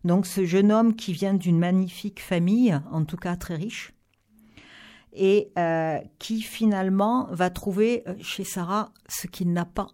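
A woman's voice: medium pitch, a little slow, warm tone. A woman speaking as a guest book critic on a radio show, talking through novels with frequent fillers and restarts. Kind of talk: radio book review chat.

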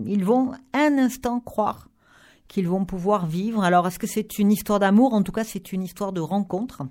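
A woman's voice: medium pitch, darkish tone. A woman speaking as a guest book critic on a radio show, talking through novels with frequent fillers and restarts. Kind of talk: radio book review chat.

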